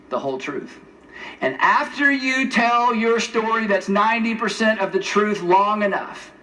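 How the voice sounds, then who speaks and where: A man gives a lively sermon in a bright, high voice. He plays out the lines of the people in the story with humor. He sounds a little distant from the mic in a large room. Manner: animated, playful, acts out the characters' lines. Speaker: pastor.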